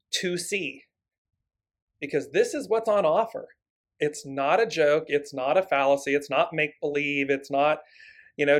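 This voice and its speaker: A man with a slightly raised voice leads a spiritual talk as host. He speaks fast and eagerly, piling up repeated phrases. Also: fairly high pitch. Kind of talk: live-streamed spiritual talk.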